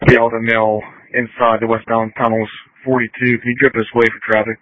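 A man's voice: mid-range voice, monotone, a little fast, dry recording. A man giving clipped, terse call-outs over a two-way radio between units. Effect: heard over a two-way radio. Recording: tinny narrow-band radio transmission.

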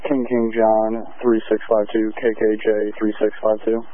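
A man, a police officer, calling in plate checks over a police radio, brisk and procedural, spelling letters phonetically. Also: fairly low pitch, completely flat delivery. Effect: police radio transmission. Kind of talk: clipped police radio traffic. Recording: tinny lo-fi radio with faint static.

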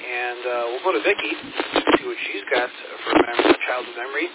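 A man hosting a ham radio net as net control, chatting in a relaxed, rambling way, heard over a radio transmission. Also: medium pitch, normal speed. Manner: relaxed and rambling, with frequent uh's. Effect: radio transmission with heavy static. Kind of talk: casual radio net chat. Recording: tinny radio with loud static hiss.

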